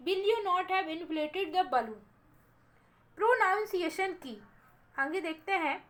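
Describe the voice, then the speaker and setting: Woman, English grammar teacher, very high pitch, unhurried, careful repetition of each word. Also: fairly bright tone. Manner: slow, careful reading of example sentences with self-corrections; repeats words slowly to drill pronunciation. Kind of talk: Hindi-medium grammar lesson.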